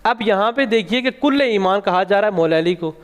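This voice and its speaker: A man's voice: high-pitched, expressive. A man tells a religious story on a Ramzan broadcast, with rising emphasis on key points. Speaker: religious speaker on a Ramzan show. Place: TV studio set. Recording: long hall reverb.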